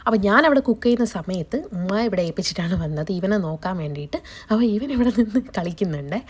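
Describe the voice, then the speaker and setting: With a breathy edge to her medium-pitched voice, a young woman speaks fast and with lively intonation while vlogging indoors in her family's kitchen. She has a cold that has changed her voice, and she chats to viewers about her day and her cooking in casual narration.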